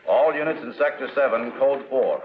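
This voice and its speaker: Noisy radio police dispatcher. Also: male voice, medium pitch, animated, moderate pace. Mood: urgent, official. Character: brisk, formal male police radio dispatcher. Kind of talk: 1950s film acting, radio bulletin. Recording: noisy, dull, echoey old film soundtrack.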